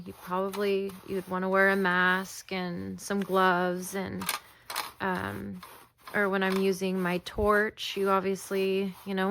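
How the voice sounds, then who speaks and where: A woman's voice: medium pitch, a bit bright, slight background noise. A woman chatting casually about her craft work, rambling and humble, with many ums and restarts. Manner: humble, apologetic. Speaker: craft video maker. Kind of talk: casual chat while crafting.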